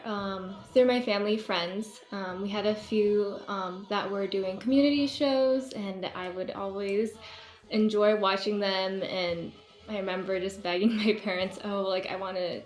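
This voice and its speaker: Young woman, chatty and casual, lots of ums, echoey room with faint music behind. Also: mid-range voice. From Bay Area, USA. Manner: casual, many fillers. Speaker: community theater performer. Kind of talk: personal story in a video.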